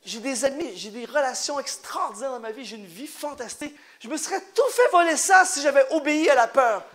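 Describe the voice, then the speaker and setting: High-voiced passionate preacher. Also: male voice, animated, fairly quick. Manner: passionate, shouts for emphasis, jokes with the crowd. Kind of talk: live church sermon.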